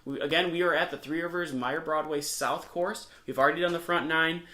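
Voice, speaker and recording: A man with a slightly higher voice calls a disc golf round in a chatty, upbeat way, full of fillers and quick asides. He has a light Michigan accent and is recorded outdoors on the course. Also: fairly even intonation, pushed and bright. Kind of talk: casual tournament commentary.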